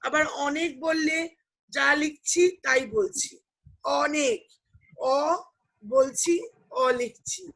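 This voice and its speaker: A woman's voice: high voice, fairly even intonation, slow, creaky, pauses often, fairly bright tone, poor audio. A woman teacher explaining grammar to students, patiently asking questions and answering them herself. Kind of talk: online class lecture.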